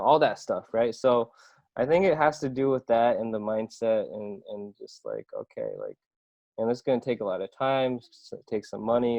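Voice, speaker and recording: A man's voice: medium pitch, a little mellow, no room sound, dull audio. A young man from Iowa talking casually as a podcast guest, loose and rambling, full of "I mean" and "right?". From Iowa, USA. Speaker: podcast guest, marketing agency owner. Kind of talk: casual interview talk.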